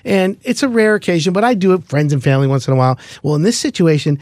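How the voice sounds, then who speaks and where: A man's voice: on the high side, quick pace, no room sound, clean studio sound. A man working as a renovation consultant, telling stories in a casual podcast chat, acting out the people he quotes and swearing freely. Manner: animated, acts out quoted people.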